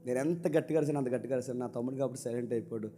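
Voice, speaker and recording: A man preaches with passion at a racing pace, shifting from loud declaiming to low, confiding talk and repeating phrases for emphasis. A long reverb tail trails his voice.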